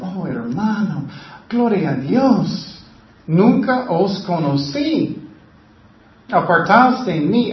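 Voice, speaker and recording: Preaching a sermon in Spanish, a man speaks loudly and passionately, swinging between sudden rises and drops in slightly broken phrasing. His voice is a little high, and the recording sounds roomy and slightly dull.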